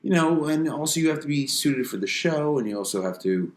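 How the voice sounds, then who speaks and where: A man's voice: a little high, animated, fairly quick. A man speaking as a comedian guest in a casual interview, explaining things in a wry, conversational way. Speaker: warm-up comedian, podcast guest. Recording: roomy, echoing interview recording.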